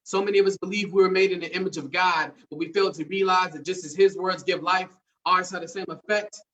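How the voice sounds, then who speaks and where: A man with a high voice performs spoken word poetry, recorded a little way from the mic. He speaks in a measured, emphatic way as an open mic poet. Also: fairly even intonation, a bit bright, dull audio. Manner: measured, emphatic, wordplay-driven delivery. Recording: distant mic at live event.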